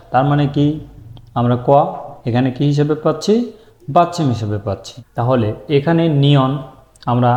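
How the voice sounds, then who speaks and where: A man's voice: medium pitch, dark tone, muffled recording. A man teaching a language lesson, who keeps asking his students questions and then answering them himself. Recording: echoey room.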